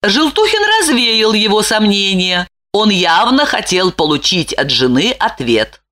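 A woman narrating an audiobook in an expressive way. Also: mid-range voice, unhurried. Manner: expressive, lively.

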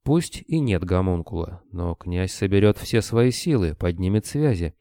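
A man voicing a worried, wary bearded man who talks anxiously and gets excitable. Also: sits low, normal speed, creaky, no echo.

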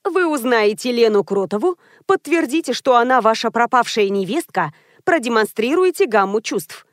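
A bossy, scheming publicist who pushes her plan with brisk confidence, as a woman narrator puts her on. The voice sits fairly high, and the audiobook recording is dry and close. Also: expressive, dry recording, natural voice.

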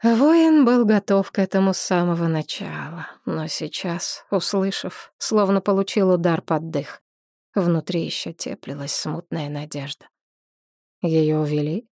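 Woman narrator, audiobook reading, lowish voice, dry close mic. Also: animated, unhurried, gravelly, darkish tone, no echo. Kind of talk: scripted narration.

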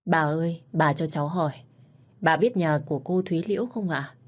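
A woman's voice: low-pitched, a little fast. A woman voicing a young man who politely and remorsefully apologizes to his grandparents in a storybook reading. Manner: polite, deferential.

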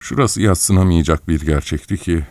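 A man reading a first-person audiobook story in an expressive, wry storytelling manner. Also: low-pitched, moderate pace, no room sound. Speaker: audiobook narrator.

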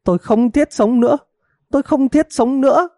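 A man's voice: extremely high pitch, normal speed, dark tone, no room sound, clean studio sound, pitched above the performer's own voice. A man voicing a hot-tempered middle-aged village wife who scolds and wails melodramatically in a storybook reading. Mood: wailing.

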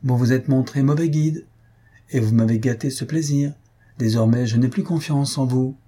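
A man's voice: mid-range voice, normal speed, warm tone, slightly rough, lightly acted. A man reading aloud, voicing a composed young countess who answers with light, firm politeness. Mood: teasing.

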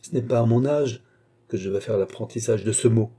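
A man's voice: medium pitch, brisk, warm tone, husky, close to an everyday voice. A man voicing a proud, imperious marshal of eighty-eight who scolds his servant in haughty, curt orders, read as an audiobook character.

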